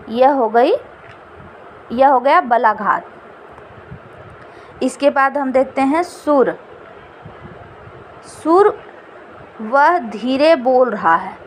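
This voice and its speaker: A woman teaching an exam-prep lesson, repeating each definition slowly. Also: high voice, slight background noise.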